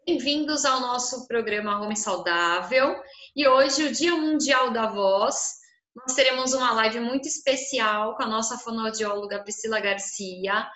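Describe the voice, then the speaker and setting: Woman host opening a live stream, friendly, bright tone, echoey room. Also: on the high side. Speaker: host, event organizer.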